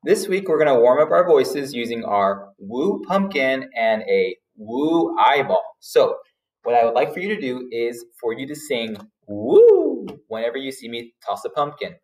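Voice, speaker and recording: A man teaching a vocal warm-up to children, giving patient instructions between high sung woo and E sweeps. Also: expressive, moderate pace. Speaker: music teacher. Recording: roomy echo, mic a little distant.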